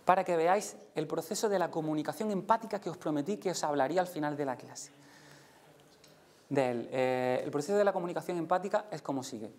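A man with a Spain Spanish accent giving a live lecture to an audience, lively and demonstrative, jumping his voice up and down to show emotions. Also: a little fast. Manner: lively, demonstrates voices with big pitch jumps. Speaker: conference speaker. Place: lecture room.

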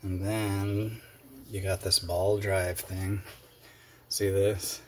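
Low and flat, with drawn-out words, this middle-aged garage video host rambles chattily through a workshop how-to, using plenty of fillers. His hands stay busy on the repair in a cluttered home garage, and a little hiss or hum can be heard.

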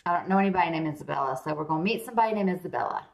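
A woman's voice: lowish voice, rapid-fire, vocal fry. A middle-aged woman with a Southern American accent, chatting casually and joking as she hosts a reaction video. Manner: chatty and joking, with frequent laughs. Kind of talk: casual chat.

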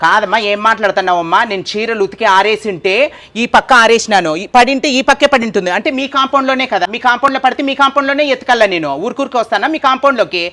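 A man's voice: very high voice, racing, bright, forceful tone. A man playing an aggrieved neighbor in a comedy skit, complaining and pleading indignantly.

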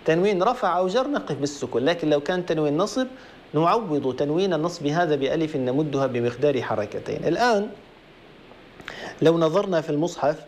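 A man hosts a broadcast tajweed lesson in a somewhat raised pitch. He explains each rule step by step and repeats himself for clarity. He slows into a measured chant whenever he demonstrates a verse. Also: a little mellow, slight background noise. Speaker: Quran recitation teacher and program host.

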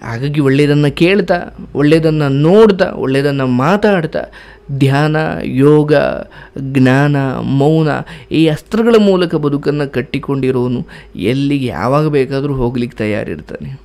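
A man's voice: medium pitch, unhurried, pauses often, a little mellow. A man giving spiritual advice as a host, earnest and preachy, ending with blessings. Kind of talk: advice talk.

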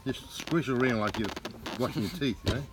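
Australian man, off-camera challenge host, casual needling banter at middle pitch, noisy backyard phone audio. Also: fast talker. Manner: teasing. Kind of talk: casual chat. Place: outdoors in a backyard garden. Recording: noisy outdoor phone recording.

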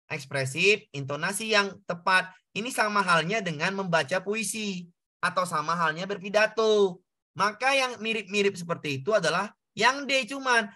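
Bright, high-voiced male tutor. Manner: explains exam answers, repeating points and addressing students. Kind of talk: online class lesson.

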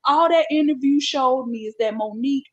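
Southern woman, mocking commentator, higher voice, dull lo-fi mic. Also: a little fast. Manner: mocking, quotes others in put-on voices. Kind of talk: opinionated commentary. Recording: muffled lo-fi audio.

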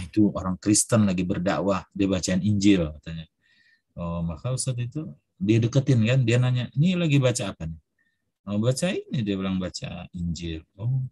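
A man's voice: on the low side, darkish tone, husky, no echo. A man telling a story while teaching an Arabic class, acting out the dialogue.

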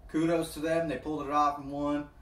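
A man giving football picks in a casual vlog, excitable and slangy, calling listeners "bro". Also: on the high side, brisk, reverberant. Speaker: sports picks vlogger. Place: apartment.

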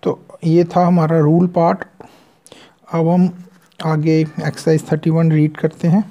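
Slow, very dark-voiced shorthand teacher. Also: medium pitch, monotone, highs cut off. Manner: patient step-by-step explaining, spelling words out sound by sound. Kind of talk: recorded lesson.

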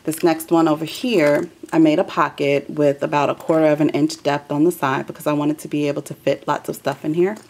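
A woman's voice: sits low, fairly even intonation, fairly quick, hardly any pauses, a little mellow. A woman hosting a craft video, chatting loosely with many ums as she shows her work at a table. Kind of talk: casual craft walkthrough.

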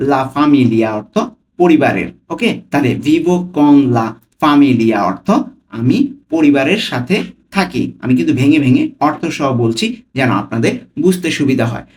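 Man teaching Italian phrases slowly. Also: a little high, lively intonation, darkish tone. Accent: Bangladeshi Bengali. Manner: breaks phrases into words and repeats them slowly. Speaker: language teacher. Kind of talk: language lesson.

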